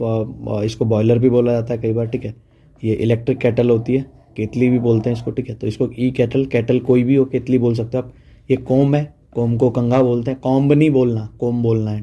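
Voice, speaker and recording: A man teaches a relaxed online lesson in a mellow, warm voice of middle pitch. He talks in a chatty, easygoing way and keeps checking in with his listeners as he goes. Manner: chatty, mixes Hindi and English, says "ठीक है" often.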